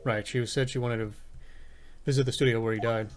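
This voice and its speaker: A man's voice: medium pitch, steady tone, a little fast. A young man streaming a video game, reading along and making joking asides. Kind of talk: let's play commentary. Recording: game music behind voice. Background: video game music.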